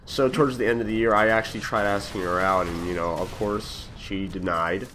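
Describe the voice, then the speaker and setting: A man's voice: lowish voice, steady tone, a little fast, a bit bright, a little hiss or hum. Rambling young man telling a story. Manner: rambling, many fillers and restarts. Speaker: gaming channel host. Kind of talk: casual storytelling over gameplay.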